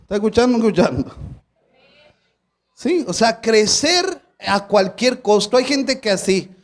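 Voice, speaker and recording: A pastor, preaching a sermon with emphatic rhetorical questions to the congregation and a few English words dropped in. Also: male voice, very high-pitched.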